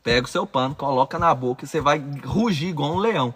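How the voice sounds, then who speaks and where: A man's voice: fairly high pitch, animated, fast, a bit bright, breathy edge. A man with a Brazilian accent guiding listeners through a visualization exercise, giving urgent, commanding directions as a course instructor. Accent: Brazilian Portuguese.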